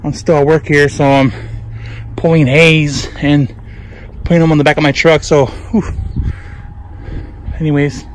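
A man vlogging outdoors on his phone at work, out of breath from loading hay, talking in a loose, excited way and swearing casually. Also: a little high, measured pace, pauses often, a little hiss or hum, poor audio. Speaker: vlogger filming the sky.

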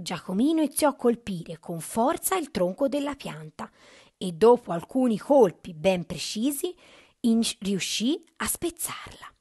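A young woman reading a fairy tale aloud to children with an expressive, husky voice that drops to whispers. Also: mid-range voice. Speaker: children's storyteller.

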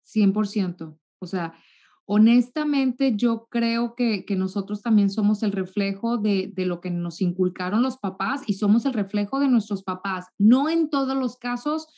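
Northern Mexican woman, 30s, relaxed chatty guest on a webcam call. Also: mid-range voice, a little slow. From Mexico, raised in Monterrey. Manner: warm chatty, repeats words when restarting. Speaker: guest, TV journalist. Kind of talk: casual interview chat. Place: home room, indoors. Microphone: video call webcam.

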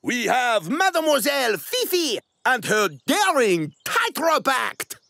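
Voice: sits high, sing-song, slow, vocal fry, sharp tone, no room sound, heavily acted. An actor voicing a grandiose, pompous flea circus showman who announces with theatrical flourishes in a children's cartoon. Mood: proud, showy.

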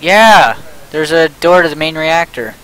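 An excitable young man livestreams a game with a friend, joking and reading the on-screen prompts aloud. His voice sits high and sounds bright, with a faint hiss behind it. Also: unhurried, smooth, low-quality recording. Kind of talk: casual gaming chat.

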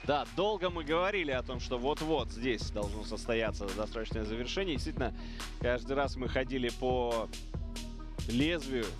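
A man's voice: mid-range voice, animated, normal speed, music in the background. A man co-commentating on a fight, giving analytical commentary.

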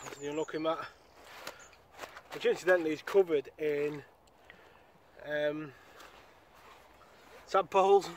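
A young man who vlogs about fishing talks in a chatty, cheerful way about his catches, dropping frequent fillers. He sits outdoors by a pond, his slightly high voice captured by a nearby action camera with a little background noise.

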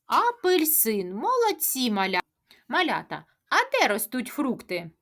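A woman teaching a speech lesson to preschoolers, asking questions, answering them herself and chanting tongue twisters slowly. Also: on the high side, wildly swooping pitch, fairly bright tone. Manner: sing-song, drawn-out tongue-twister chanting. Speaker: kindergarten teacher.

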